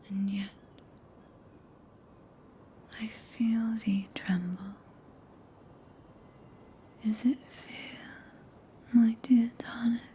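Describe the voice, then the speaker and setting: Regal witch played by a woman, British, hushed breathy ASMR whisper, extremely unhurried and solemn, tenderly possessive. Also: medium pitch, slight background noise. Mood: possessive, teasing. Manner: slow, solemn, intimate, deliberate pauses. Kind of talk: ASMR roleplay, archaic scripted speech. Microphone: close binaural ASMR microphone.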